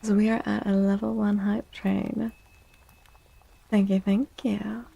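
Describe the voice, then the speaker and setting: A woman hosts an ASMR tarot livestream, speaking softly and close to the mic in a mellow, mid-range voice with creaky fry and a flat delivery. She's unhurried and chatty, addressing the chat room and greeting viewers by name.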